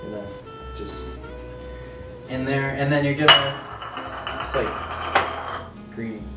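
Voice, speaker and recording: A man's voice: medium pitch, slow. A man rambling in a giggly, drunk, goofy way during casual cooking banter. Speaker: co-host of a cooking video. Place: indoor kitchen. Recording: echoey kitchen, far from mic, background music. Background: music, clattering dishes.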